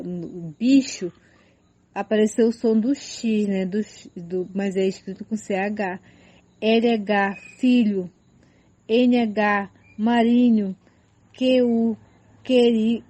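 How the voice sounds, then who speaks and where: A woman's voice: mid-range voice, warm tone. A woman teacher giving a radio lesson for adult learners, patiently spelling out letters and listing example words. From Amazonas, Brazil.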